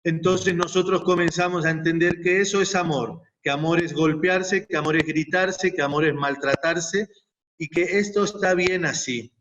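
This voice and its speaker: A man's voice: on the high side, steady tone, normal speed, a bit bright. A man speaking as a guest, explaining his ideas step by step and building them up in repeated lists. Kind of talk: reflective explanatory talk. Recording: distant, muffled mic with faint noise.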